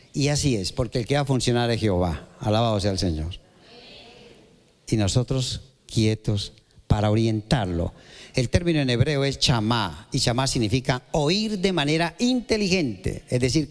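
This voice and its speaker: Animated preacher in an echoing church. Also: male voice, mid-range voice. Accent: Colombian Spanish. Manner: animated preaching, asks the congregation questions. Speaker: pastor. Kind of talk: sermon. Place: church hall. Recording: long church reverb.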